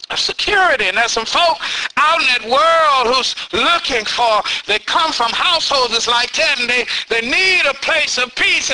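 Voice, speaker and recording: High, bright-voiced preacher at a pulpit mic. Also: male voice, a little hiss or hum, rough recording. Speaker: pastor. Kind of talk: sermon then prayer.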